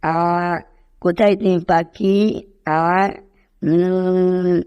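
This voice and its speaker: A woman doing a low, sly cartoon tomcat. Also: level tone, very slow, clear, resonant tone, lo-fi sound. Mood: scheming. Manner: sly muttering, groaning and scheming to himself. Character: scheming hungry male house cat. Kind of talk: Bengali fan cartoon dub.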